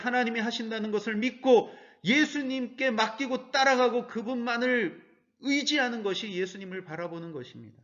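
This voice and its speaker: A man's voice: high voice, fairly bright tone, dull audio. A man preaching a sermon as pastor, earnestly asking his listeners rhetorical questions.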